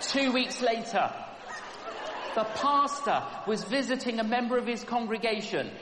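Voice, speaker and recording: Preacher telling a story in an echoey hall. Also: male voice, extremely high pitch, a little slow. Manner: lively, rhythmic storytelling with repetition. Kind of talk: storytelling sermon. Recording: echoey hall with background noise.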